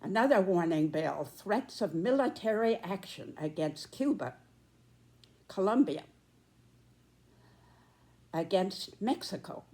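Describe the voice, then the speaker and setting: A woman in her nineties giving a prepared political commentary, speaking deliberately and emphatically in short measured phrases. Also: medium pitch, expressive, dark tone. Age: 90s.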